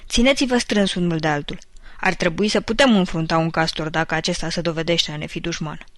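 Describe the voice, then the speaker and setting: A woman reading a steady eldest brother. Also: lowish voice, no echo, voice pushed down, lightly acted. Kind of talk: audiobook character reading.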